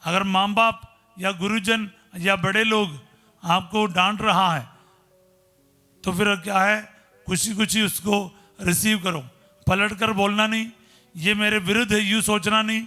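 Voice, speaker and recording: Middle-aged priest preaching in hindi, high piercing voice, soft music behind. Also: male voice, fairly even intonation, a little slow. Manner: storytelling preacher, simple conversational Hindi, exclaims hallelujah. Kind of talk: sermon with personal stories.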